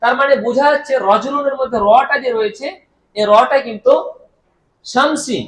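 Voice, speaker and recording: A male teacher with a high voice lectures in a room with lots of echo. He drills the class by asking a question and then giving the answer himself. He stretches out each example word so the students can follow. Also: steady tone, fairly bright tone. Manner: repeats key terms and quizzes the class with questions he then answers; drawn-out, deliberate pronunciation of example words. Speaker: Arabic grammar teacher. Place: madrasah classroom. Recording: echoey room.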